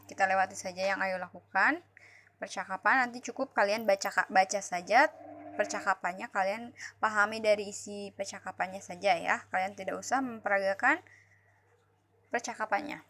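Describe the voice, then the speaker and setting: A woman's voice: on the high side, bright, forceful tone. A woman teaching primary school pupils, explaining a textbook lesson patiently and repeating herself as she goes. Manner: patient, repeats and restarts words while explaining.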